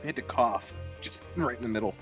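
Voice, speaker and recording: A woman's voice: a bass voice, fast, fairly bright tone, faint music behind. A woman chatting casually as a co-host on a game stream.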